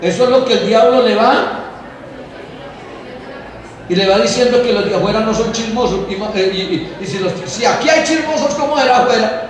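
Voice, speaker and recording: A man preaching a lively sermon to a congregation in a church hall, playfully mimicking the excuses of young people. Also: high voice, moderate pace, pauses often, a crowd in the background. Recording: very echoey hall, voice from far off, faint noise.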